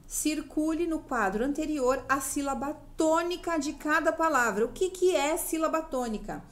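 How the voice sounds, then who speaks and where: Patient woman teaching young children. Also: high-pitched. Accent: Brazilian Portuguese. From Brazil. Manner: patient, explains slowly and checks in often. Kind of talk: remote class lesson for children.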